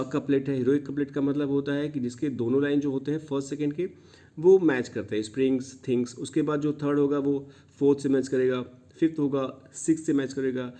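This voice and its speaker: A man teaching a poem line by line, explaining to students and slowly quoting English words. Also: a little high, dark tone. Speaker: literature teacher.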